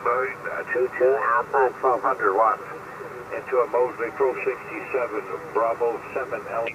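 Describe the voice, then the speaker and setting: A man on a ham radio call, repeating his CQ call in a steady routine, heard over a distant radio signal. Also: mid-range voice, measured pace. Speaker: amateur radio operator. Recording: distant muffled radio with loud static.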